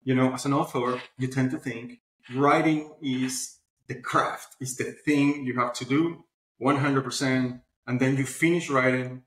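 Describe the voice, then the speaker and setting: A man with a medium-pitched, fairly bright voice explains things in a roomy, echoing space. He's an interview guest, the founder of a publishing platform, giving conversational answers.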